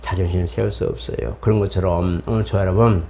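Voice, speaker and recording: Middle-aged Korean pastor preaching conversationally. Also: male voice, steady tone, fast talker, vocal fry, dark tone, slight background noise. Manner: conversational preaching, acting out quoted voices with swings in pitch. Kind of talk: sermon.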